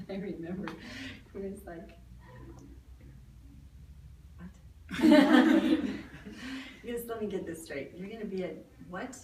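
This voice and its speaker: A middle-aged woman telling a personal story to an audience, animated and laughing through it. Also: medium pitch, unhurried. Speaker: motivational speaker. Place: studio event room. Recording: echoey room from a distance, noisy.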